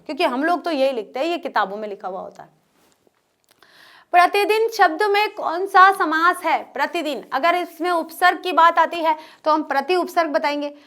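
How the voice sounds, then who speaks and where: A woman's voice: high voice, fairly bright tone. A woman teaching an exam-prep grammar lesson to students, asking questions and answering them herself and repeating the key terms.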